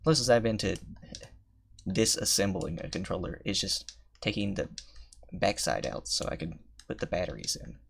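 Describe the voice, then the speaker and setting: A man's voice: sits low, big pitch swings, normal speed, gravelly, a little hiss or hum. A young man talking casually to himself while playing a game, rambling and poking fun at his own skill. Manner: rambling, self-mocking, thinks aloud between attempts. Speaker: gamer streaming gameplay. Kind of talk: casual gameplay commentary.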